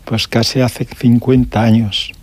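An older man from Galicia tells his story as a radio guest, taking his time and restarting his phrases. His voice sits at a middle pitch. The studio sound is dry and close. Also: level tone, a little mellow, no room sound. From Galicia, Spain. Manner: unhurried storytelling with pauses and restarts. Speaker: guest, electronics shop owner. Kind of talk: radio interview.

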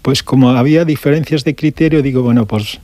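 Older man from Galicia, guest on radio, dry close mic, unhurried storyteller. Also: mid-range voice, darkish tone, dry recording. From Galicia, Spain. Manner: unhurried storytelling with pauses and restarts. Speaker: guest, electronics shop owner. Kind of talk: radio interview. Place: radio studio.

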